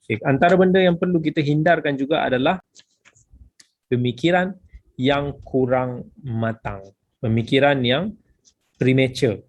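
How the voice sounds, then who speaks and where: A man's voice: mid-range voice, measured pace, long pauses. A man with a Malaysian accent, a religious teacher explaining a book in a patient lecture, slipping English phrases into his talk.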